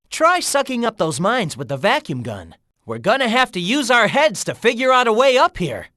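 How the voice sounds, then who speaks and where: A cocky young cartoon hedgehog hero for a video game. His American voice bounces widely in pitch, breezy and full of pep. The slangy, confident delivery comes through very dry and close. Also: a bit bright, no room sound, heavily acted. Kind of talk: video game character dialogue.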